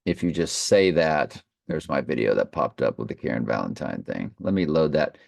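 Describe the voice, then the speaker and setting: A man's voice: rumbling low, sing-song, normal speed, creaky, no room sound, clean studio sound. A man leading an informal Bible study, reading and commenting off the cuff, slightly slurring because half his mouth is numb from the dentist. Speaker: online Bible study host.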